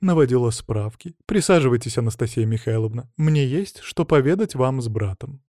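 A composed, sly woman, read by a male narrator in his own even voice, matter-of-fact and unhurried. The recording is dry and close. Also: medium pitch, no room sound, natural voice. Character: calm, sly female informant.

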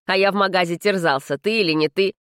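A woman's voice: lowish voice, fast, fairly bright tone, clean tone, no room sound, clean studio sound, close to an everyday voice. A woman voicing a scrawny, cheeky male house spirit who sounds like a teen, brash and slangy in an audiobook. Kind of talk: audiobook character reading.

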